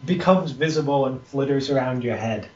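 A man's voice: medium pitch, normal speed, darkish tone, recorded from a distance. A man narrating a tabletop roleplaying game as game master. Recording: roomy, noisy, muffled room recording.

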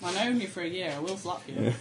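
A player cracks wry, teasing remarks during a tabletop game. The voice is mid-pitched. Other voices chat clearly behind. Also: expressive, quick pace, far from the mic, crowd noise. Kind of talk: casual tabletop play.

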